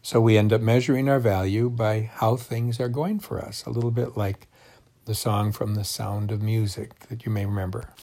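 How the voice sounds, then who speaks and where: A man's voice: fairly low pitch, steady tone, moderate pace, warm tone. A man co-hosting a daily devotional program, talking through scripture in a genial, preaching way. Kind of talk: devotional radio talk.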